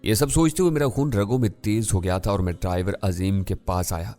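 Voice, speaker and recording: Guy reading a thriller story, low voice, calm and steady, quiet music under it. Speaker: narrator. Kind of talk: first-person audiobook thriller narration. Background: faint music.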